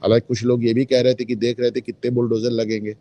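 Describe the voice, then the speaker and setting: A man's voice: medium pitch, flat delivery, fast talker, dark tone. A man speaking as a guest in a political discussion, emphatic and opinionated, dropping English phrases into his talk. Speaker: guest commentator.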